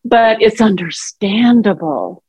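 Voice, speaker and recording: A woman's voice: mid-range voice, animated, slow, a little mellow, husky, no echo. A middle-aged woman in an interview, telling personal caregiving stories in a reflective, conversational way and acting out quoted dialogue. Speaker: guest, author and caregiver.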